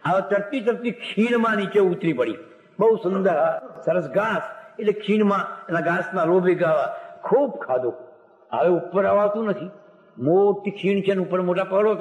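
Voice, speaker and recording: A man giving a devotional discourse, retelling scripture stories in a lively, animated way. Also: sits high. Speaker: religious storyteller. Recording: echoey hall with long reverb.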